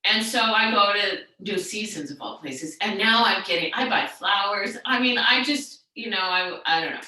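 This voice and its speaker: A middle-aged woman teaching a yoga class, telling a story in a rambling, chatty way and then guiding the class gently into a seated relaxation. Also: medium pitch, expressive, moderate pace. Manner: rambling, chatty storytelling with many restarts and fillers. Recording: very echoey room, far from the mic.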